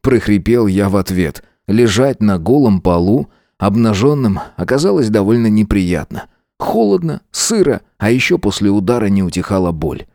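A man narrating a first-person fantasy audiobook in a steady, even storytelling voice. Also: fairly low pitch, normal speed, dry recording, clean studio sound.

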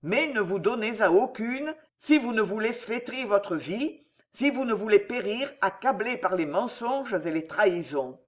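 A reader voicing a stern old soldier father who gravely lectures his son in a storybook reading. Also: medium pitch, animated, a little slow, hardly any pauses, natural voice. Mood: lecturing. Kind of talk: audiobook character reading.

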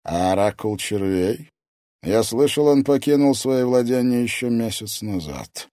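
A man plays a bony old puppet master, cruel and mocking, speaking in a slightly raised, lively voice. The recording is dry and close, with no room sound. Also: mid-range voice, a little slow, dry recording, pitched above the performer's own voice, natural voice. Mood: sneering. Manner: scornful, mocking.

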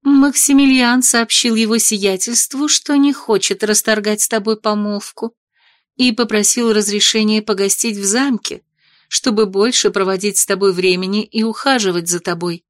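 A woman reading an audiobook, voicing a noble mother who speaks in a measured, formal, gently reproving way. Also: medium pitch, fairly even intonation, no echo, studio quality, natural voice. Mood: calm. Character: noble mother, gentle but stern lady. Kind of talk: audiobook character voice.

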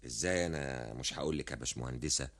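A man's voice: extremely low pitch, rapid-fire, a bit bright. An actor with an Egyptian accent playing Ahmed, a polite male engineer, in a radio drama. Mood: friendly.

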